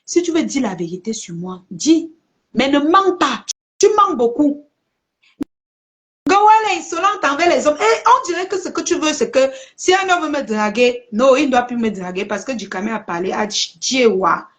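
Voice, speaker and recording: A woman rants straight at her followers in a vlog. Her voice sits a little high, and she hammers her points home with blunt, emphatic repetition. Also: animated, normal speed. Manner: confrontational, emphatic, repeats for effect. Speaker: social media personality. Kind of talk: live video rant to followers.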